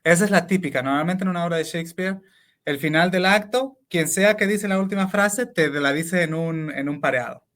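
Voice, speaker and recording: A man with a Honduran Spanish accent speaks as an interview guest, with a somewhat higher voice than most men. He explains things step by step in a reflective, conversational way and restarts his sentences often, like a teacher thinking aloud. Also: fairly quick, fairly bright tone.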